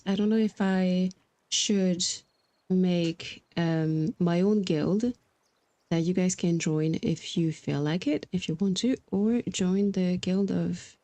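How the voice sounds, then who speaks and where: Her voice sits on the low side and sounds warm as she livestreams a video game. She chats casually and reads dialogue aloud hesitantly and musingly, with game music in the background.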